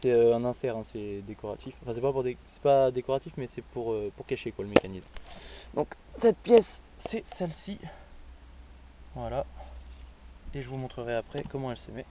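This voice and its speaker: A man's voice: medium pitch, fairly quick, mellow, a little hiss or hum, rough recording. A man walking through a car repair step by step in a casual how-to, full of fillers and restarts. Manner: hesitant, many fillers and restarts. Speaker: amateur car DIY tutorial maker.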